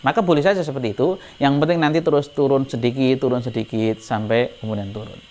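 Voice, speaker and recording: A man's voice: mid-range voice, fairly even intonation, darkish tone. A man teaching a Quran recitation melody, explaining the steps and showing them. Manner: explains a melody and then chants the verses slowly. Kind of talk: recitation lesson.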